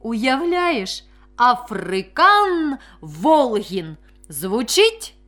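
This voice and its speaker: A woman's voice: high-pitched, sing-song, a little slow, fairly bright tone, soft background music, exaggerated voice. A woman doing an eager cheeky schoolboy. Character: lively cheeky schoolboy, proud and dreamy.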